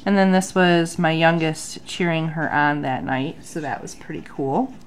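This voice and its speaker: Low, steady, and unhurried, her voice comes through with slight background noise. She's a bullet journal vlogger in her thirties, congested and nasal from a sinus infection, casually chatting through her journal with many ums while seated at a home desk under an overhead light.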